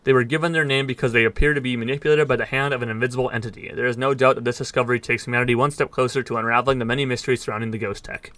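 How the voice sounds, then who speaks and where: A man races through in-game text, reading it aloud for his viewers. His voice is bright and crisp, recorded close and dry with no room sound. Now and then he trips on a word or drops a dry aside. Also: medium pitch, steady tone, dry recording. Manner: fast, slightly stumbling reading with dry asides. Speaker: gaming let's player.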